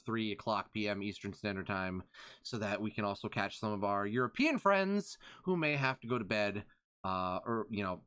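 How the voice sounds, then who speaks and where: A man's voice: lowish voice, pushed and bright, clean tone. A man streaming live, chatting casually and reading out thanks to followers.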